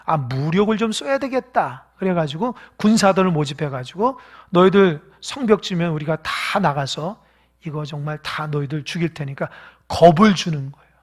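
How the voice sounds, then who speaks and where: Korean pastor preaching, loud then whispering. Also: male voice, a little high, animated, normal speed. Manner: swings between loud exhortation and hushed whispers; calls for congregational responses. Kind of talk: sermon.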